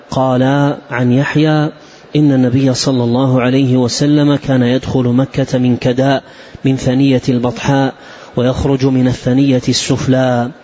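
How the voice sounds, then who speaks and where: A man reading religious texts and chains of narrators aloud in a steady, formal recitation for a lesson. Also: medium pitch, muffled recording. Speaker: text reader in a lesson.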